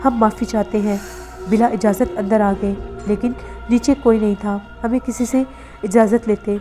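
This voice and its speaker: A woman's voice: medium pitch, fairly even intonation, dark tone, faint music behind, natural voice. A woman reading the lines of a confident old male faith healer in a horror story. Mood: calm, assuring. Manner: confident, reassuring.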